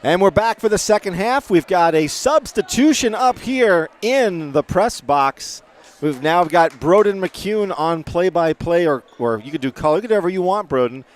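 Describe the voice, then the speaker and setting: A man doing play-by-play for a local school basketball game from a press box, chatty and quick to correct himself. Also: sits high, expressive. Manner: chatty, rambling asides, self-corrections. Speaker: play-by-play commentator. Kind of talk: local sports commentary.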